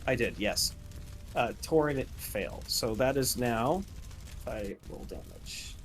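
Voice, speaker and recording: A man's voice: mid-range voice, sing-song, takes it slowly. A man acts as game master for a tabletop game, calling out rolls and damage and describing what happens. A faint hiss of noise sits under his voice. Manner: descriptive, rules-explaining.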